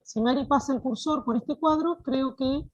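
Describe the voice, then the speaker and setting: A woman's voice: high voice, moderate pace, lo-fi sound, slight background noise. A woman giving an online teacher-training lecture, often asking "¿sí?" to check that her listeners follow. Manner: explanatory, frequent checking "¿sí?". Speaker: course instructor.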